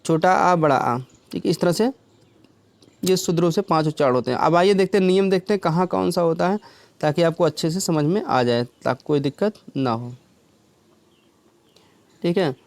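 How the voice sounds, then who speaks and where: Male teacher, high and clear voice, patient step-by-step explaining, dry room. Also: normal speed, pauses often, no echo. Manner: explains step by step, often checks with "clear?" and "theek hai". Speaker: English teacher. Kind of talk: classroom lesson.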